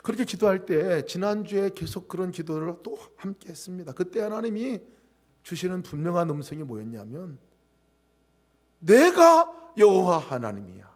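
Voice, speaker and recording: High-voiced Korean male pastor preaching. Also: sing-song, moderate pace. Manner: swings from soft, low storytelling to raised, emphatic preaching; drops to a whisper for quoted divine words. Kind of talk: sermon.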